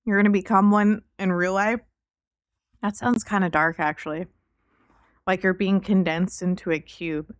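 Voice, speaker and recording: A woman's voice: medium pitch, normal speed, pauses often, no room sound. Casual woman livestreamer with a dry, close sound. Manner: relaxed, informal, swears casually. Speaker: livestreamer and VTuber.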